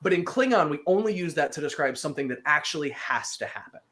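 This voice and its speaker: In a relaxed language lesson, a teacher with a mid-range voice patiently explains words and repeats phrases slowly so the learner can copy them.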